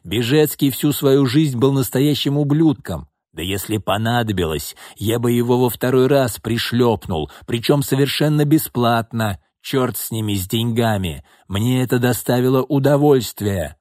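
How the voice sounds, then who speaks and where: Audiobook casting: defiant old killer, bitter and loud, raised pitch, dry close sound, played by the male narrator. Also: moderate pace, hardly any pauses, dry recording, lightly acted.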